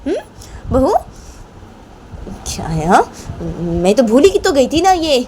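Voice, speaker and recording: A woman's voice: high-pitched, very animated, slow, mellow, a little hiss or hum, pitched above the performer's own voice, heavily acted. A woman voicing a suspicious, touchy grandmother who scolds in accusing, repeated questions. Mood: angry.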